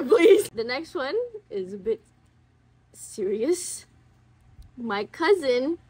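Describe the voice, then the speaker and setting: A woman in her twenties hosting a casual chat, reading messages aloud and commenting in an informal, slangy way. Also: a little high. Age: 20s. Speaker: host reading viewer confessions.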